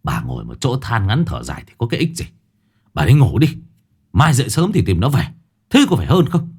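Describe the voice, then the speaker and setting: A man voicing a stern, worn-out elderly father who talks gruffly in a storybook ghost tale. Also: low-pitched, big pitch swings, measured pace, warm tone, voice pushed down, exaggerated voice. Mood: snapping. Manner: gruff, snapping.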